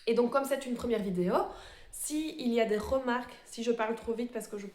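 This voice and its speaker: A cross-stitch vlogger with a slightly high, slightly mellow voice shows off her embroidery projects in a casual show-and-tell, recorded in an echoey room. She calls herself a fast talker and sounds a bit nervous and hesitant, with lots of fillers and restarts.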